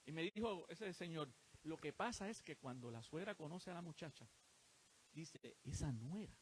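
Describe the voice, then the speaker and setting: A man's voice: on the high side, moderate pace, slight background noise. A man preaching a sermon, asking the congregation rhetorical questions and answering them himself.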